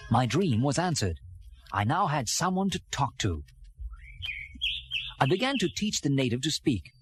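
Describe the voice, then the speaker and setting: On a vintage record with music behind him, a man with a medium-pitched, unhurried voice plays an earnest castaway adventurer. He tells his story in an animated, theatrical way, like a dramatized children's read-along, with an earnest, reflective mood.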